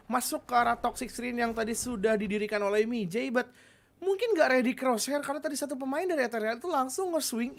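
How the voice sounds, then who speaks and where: A woman with an Indonesian accent giving casual analytical esports commentary, slangy and peppered with English gaming terms. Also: a little high.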